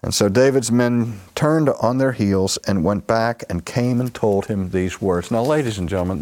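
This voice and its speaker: A man preaching a sermon, retelling scripture in an animated storytelling manner and acting out the voices of its characters. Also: fairly low pitch.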